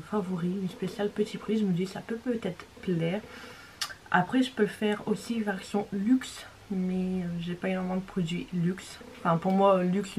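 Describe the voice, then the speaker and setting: A woman's voice: medium pitch, darkish tone, slight background noise. A young woman talking casually through a makeup tutorial, chatty and rambling with many fillers, sometimes dropping to a whisper. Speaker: beauty vlogger.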